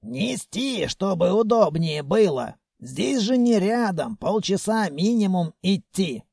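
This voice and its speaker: Brief: man as old undead grandpa, slow drawl, mellow, sly. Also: sits high, sing-song, vocal fry, dry recording, clean studio sound, full character voice. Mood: easygoing.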